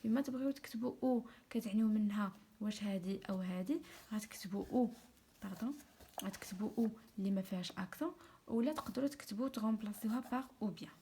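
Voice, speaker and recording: A woman's voice: medium pitch, rapid-fire, warm tone, a little hiss or hum. A woman with a Moroccan accent, a primary school teacher giving an online lesson. She explains step by step, switches often into French and keeps checking that the pupils follow. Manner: explains step by step, often asking "c'est clair?" and mixing in French.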